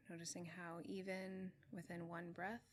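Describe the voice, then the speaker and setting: Her voice slightly low and almost flat in pitch, a woman teaching meditation leads a guided session in soft, brief, measured phrases with long silences between them. Faint noise and room ambience make the recording clearly noisy.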